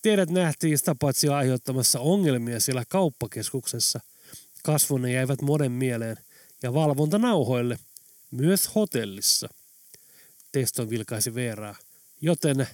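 A man's voice: medium pitch, a little mellow, no echo, clean studio sound, natural voice. A man voicing a cold, menacing male professor who leads armed men, speaking in an icy, commanding way.

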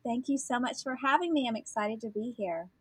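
A woman's voice: fairly high pitch, animated, fairly quick, slightly rough, dry recording, poor audio. A woman in her thirties with a Southern US accent, a podcast guest chatting earnestly about her family and work. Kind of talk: casual interview chat.

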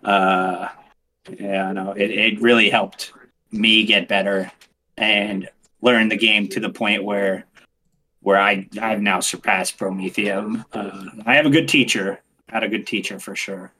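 A man chatting casually as a podcast guest, animated and excitable, often restarting his sentences. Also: fairly low pitch, a little slow. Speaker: podcast guest, game streamer. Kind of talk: casual interview chat.

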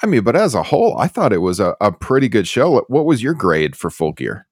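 A man's voice: fairly low pitch, wildly swooping pitch, fairly quick, slightly rough, no echo, clean studio sound. A man from the Chicago area hosting a podcast, chatting in an easygoing, self-deprecating way. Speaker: podcast host. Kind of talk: casual podcast review chat.

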